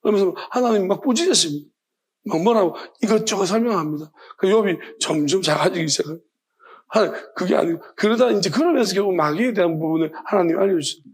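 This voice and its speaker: A man delivers a church sermon with a husky, breathy edge to his voice. He sits fairly high for a man and tells the story with animation, slipping into the voices of the people he quotes. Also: fast talker. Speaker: pastor.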